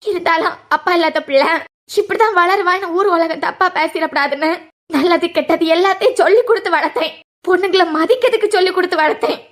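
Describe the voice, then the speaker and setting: A woman voicing an earnest middle-aged mother in a cartoon, speaking with a Kanyakumari Tamil accent in a lamenting way. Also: very high voice. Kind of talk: cartoon voice acting.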